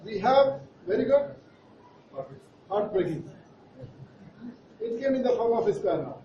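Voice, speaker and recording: A man with an Indian accent teaches maths at a classroom board, teasing his students playfully and checking in with questions during an interactive lesson. His voice is extremely high-pitched and dark in tone, animated but unhurried. The recording is echoey, noisy and muffled, picked up far from the mic.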